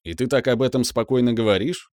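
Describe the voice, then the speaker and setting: A man voicing a calm, unflappable young man possessed by a demon, in an audiobook. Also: medium pitch, fast talker, no echo, close to an everyday voice. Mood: dry. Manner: unflappable, dry.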